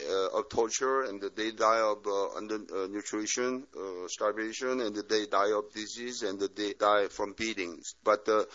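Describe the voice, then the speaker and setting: Male live interpreter, low voice, halting delivery with filler pauses, muffled lo-fi news-clip sound. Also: a bit bright. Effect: live interpreter voice translating a speaker. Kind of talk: consecutive interpretation in a news report.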